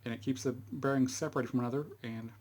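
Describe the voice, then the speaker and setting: In a casual YouTube demo on cleaning fidget spinners, a middle-aged hobbyist with a Texan accent rambles along folksily, chuckling often and filling gaps with fillers. He talks fast, his medium-pitched voice fairly even in intonation and a little mellow.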